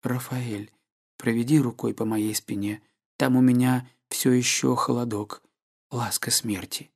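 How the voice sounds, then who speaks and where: A man's voice: mid-range voice, fairly even intonation, a little slow, vocal fry, husky. A man reading an audiobook, voicing an anxious, tender young woman with a raised voice. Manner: pleading, tender, alarmed. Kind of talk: audiobook character voice.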